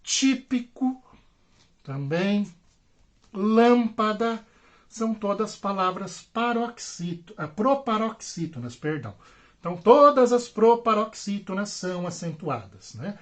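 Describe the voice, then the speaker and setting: Patient Brazilian teacher explaining slowly. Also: male voice, sits high, lively intonation, fairly bright tone. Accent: Brazilian Portuguese. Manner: patient, repetitive explaining with constant "né?" and "tá?" tags. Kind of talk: online grammar lesson.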